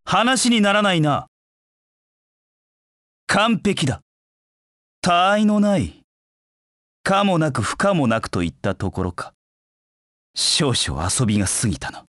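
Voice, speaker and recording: A man's voice: fairly high pitch, very animated, takes it slowly, long pauses, fairly bright tone, no room sound, studio quality, full character voice. An actor playing a proud, cold hedgehog knight in a Japanese video game, curt and disdainful in his delivery. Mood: scornful. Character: proud, cold anthropomorphic hedgehog knight, a brooding young male rival.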